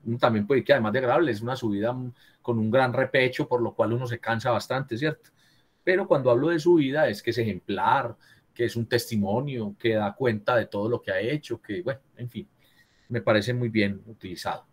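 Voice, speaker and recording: A man's voice: mid-range voice, a little fast, slightly rough. A man teaching a writing class over a video call, correcting students and checking in with them often. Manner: corrects students, keeps asking "¿cierto?". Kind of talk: virtual class lesson on writing.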